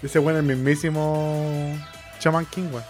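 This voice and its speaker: A man's voice: a little high, little pitch movement, unhurried, a little mellow, faint music behind. A young Chilean man co-hosting a podcast, telling a story in casual chat, acting out the quotes, swearing and laughing often. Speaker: podcast co-host.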